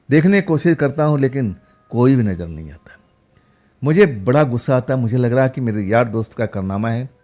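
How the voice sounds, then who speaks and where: A man's voice: medium pitch, a little mellow. Man telling a horror story over faint music. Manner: loose, rambling delivery with fillers and restarts. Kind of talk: first-person spoken horror storytelling.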